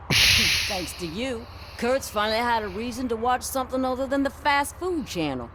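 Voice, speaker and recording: A jaded beat cop in a video game. The voice is mid-pitched and blunt, full of sarcasm, over faint background noise. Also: lively intonation, moderate pace, sharp tone. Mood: sardonic. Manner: sardonic, blunt.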